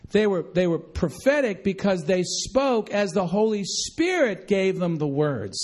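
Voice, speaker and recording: High-voiced man preaching with animated asides. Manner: animated, chatty, quick asides and self-corrections. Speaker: pastor. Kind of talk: sermon with storytelling. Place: church room with congregation.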